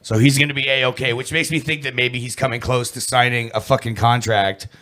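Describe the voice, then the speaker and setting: A man's voice: medium pitch, fairly even intonation, fairly quick, sharp tone. A man co-hosting a podcast, telling a story in casual, profane chat. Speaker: podcast co-host.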